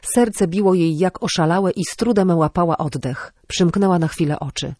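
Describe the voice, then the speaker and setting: Audiobook narrator woman, steady, dry booth. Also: on the low side, moderate pace, no room sound. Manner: steady storytelling. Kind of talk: scripted narration.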